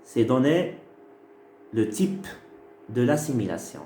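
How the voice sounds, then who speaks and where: A man teaching a class, explaining slowly and patiently and repeating key words. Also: mid-range voice, very animated, dark tone. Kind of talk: phonetics lecture. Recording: echoey room with faint noise.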